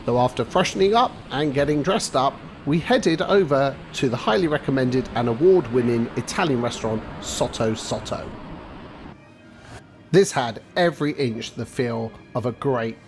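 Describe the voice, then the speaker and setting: A middle-aged man narrating a travel vlog voice-over, measured and guide-like, giving practical tips. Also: medium pitch, animated, faint music behind. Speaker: travel vlogger.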